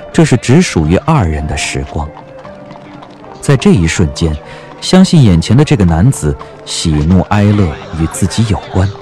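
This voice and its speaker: An audiobook narrator with a low-sitting voice tells a story in a scripted, expressive and measured dramatic style.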